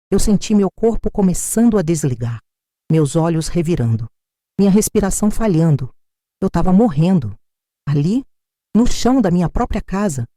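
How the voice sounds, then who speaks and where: A woman's voice: medium pitch, mellow, dry recording, clean studio sound. An older Brazilian woman narrating a first-person story in a dramatic, emphatic way. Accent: Brazilian Portuguese.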